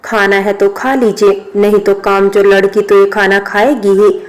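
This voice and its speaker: A woman's voice: medium pitch, level tone, unhurried, close to an everyday voice. Woman reading a touchy young maid. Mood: earnest.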